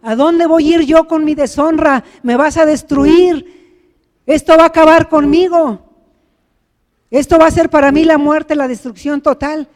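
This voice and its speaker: A man's voice: very high-pitched, moderate pace, a little mellow, big-room sound. A man voicing a young woman pleading with her brother not to harm her, repeating her pleas insistently. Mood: desperate.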